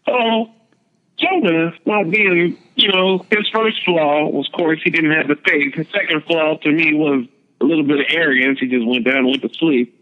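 A man's voice: on the high side, steady tone, moderate pace. Man casually retelling Bible stories. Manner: storytelling, explaining, laid-back. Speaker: podcast host. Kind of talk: casual Bible discussion podcast. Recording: dull lo-fi recording.

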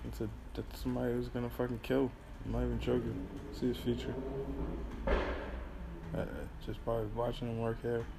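A man's voice: medium pitch, completely flat delivery, quick pace. A man rambling through casual, sweary podcast banter in a loose, giggly way, tripping on mushrooms. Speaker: podcast host. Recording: clearly noisy background ambience.

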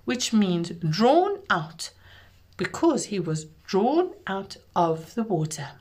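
A woman's voice: medium pitch, sing-song, takes it slowly, a little mellow. A woman voicing a regal young Egyptian princess who gives orders in a stately, commanding way.

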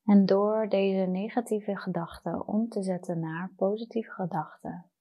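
A woman guiding a meditation in a soft, soothing, unhurried manner with long pauses. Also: medium pitch, fairly even intonation. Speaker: meditation guide. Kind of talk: guided meditation.

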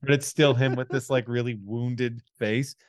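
A mid-pitched man hosts a laid-back podcast, rambling through jokes and listener shout-outs. He sounds dry and close to the mic, with no room around him. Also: steady tone, normal speed, dry recording. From New England. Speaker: podcast host. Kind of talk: casual chat.

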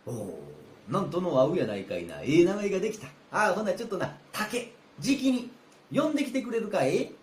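Sly kansai master plotting, low-ish hushed voice, roomy echo, man doing rakugo. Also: big pitch swings, brisk, a little hiss or hum. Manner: sly, conspiratorial. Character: scheming older male master of the house. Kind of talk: rakugo storytelling. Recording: roomy with faint ambience.

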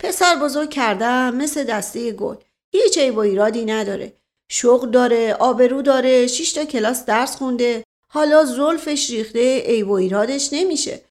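A woman voicing a blunt, gruff old mother-in-law with a hoarse, rough voice, scolding sharply in an audiobook. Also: on the high side, natural voice. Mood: indignant. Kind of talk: audiobook character reading.

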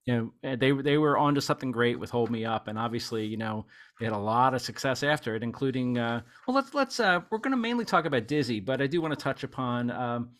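A man's voice: mid-range voice, sing-song, fast, a bit bright. A man hosting a podcast in casual chat, rambling eagerly with many "you know"s as he talks about music he loves. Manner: rambling and enthusiastic, heavy use of "you know". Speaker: podcast host.

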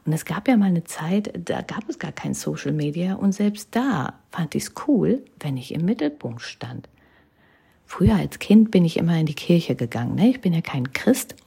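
A woman in her thirties, a vlogger, tells personal stories in a relaxed chat, using a lowish, sing-song voice that's warm, gravelly and slightly rough at a normal pace. She keeps tacking a questioning "ne?" onto her sentences and sometimes drops to a whisper.

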